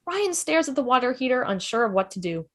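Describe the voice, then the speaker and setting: A woman narrates scripted stage directions during a table read held on a video call. She speaks in a lively, high voice with expressive delivery at a fairly brisk pace.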